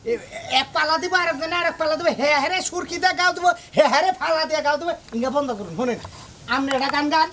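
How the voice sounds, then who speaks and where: A woman's voice: high-pitched, quick pace, fairly bright tone, a little hiss or hum. A woman playing an outspoken village sister-in-law in a rustic comedy, scolding and lecturing. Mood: bossy. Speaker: sister-in-law arranging song lessons.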